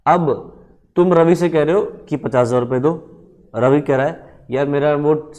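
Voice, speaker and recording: A man's voice: fairly high pitch, moderate pace, a little mellow. A male teacher giving a lecture, talking directly to his students and checking in often. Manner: conversational, addresses students directly with frequent check-ins.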